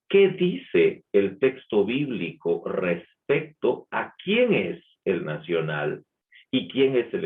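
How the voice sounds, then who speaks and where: A man with a light Peruvian accent preaching a Sunday sermon in a reflective manner, asking rhetorical questions. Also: on the low side. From Peru. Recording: tinny phone-like sound.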